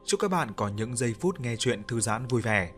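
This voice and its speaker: A man hosting and reading a ghost story aloud in a calm, steady narration. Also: mid-range voice, moderate pace, faint music behind. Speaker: storyteller and channel host.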